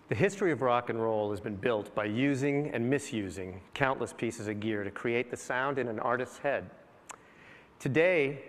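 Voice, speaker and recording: A man's voice: medium pitch, a bit bright. A man giving a rehearsed product demo on a keynote stage, speaking steadily. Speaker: guest presenter. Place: large conference hall stage. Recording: large hall reverb.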